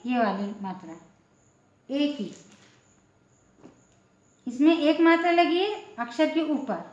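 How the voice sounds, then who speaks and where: A woman teaching a language lesson, slowly explaining letters, asking questions and answering them herself, often repeating words. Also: high voice. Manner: slow, repetitive, asks questions then answers them. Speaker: Hindi teacher. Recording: echoey room, dull lo-fi sound.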